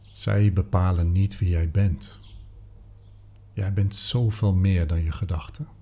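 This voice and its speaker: A man guiding a meditation, speaking softly and soothingly, sometimes dropping into a whisper. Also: low voice, fairly even intonation, a little hiss or hum. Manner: slow, soft-spoken, soothing, with whispered phrases. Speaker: meditation guide. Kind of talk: guided meditation. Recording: soft music behind.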